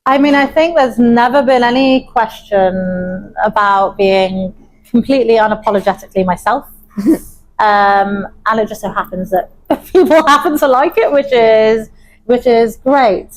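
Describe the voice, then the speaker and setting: A woman's voice: a little high, unhurried, slight background noise, rough recording. A young adult woman from Wales, a chef and pub owner, talking in an interview with enthusiasm and frequent laughter. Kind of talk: interview conversation.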